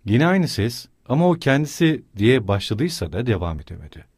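Male audiobook narrator, lively intonation, dry close sound, measured reading. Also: mid-range voice, husky, no room sound. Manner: measured, expressive literary reading. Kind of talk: scripted narration.

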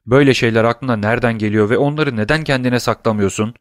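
A man's voice: medium pitch, quick pace, dry recording, studio quality, natural voice. A man doing a jittery greedy innkeeper. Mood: nervous. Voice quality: trembling. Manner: anxious, flustered. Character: nervous greedy male innkeeper, easily frightened.

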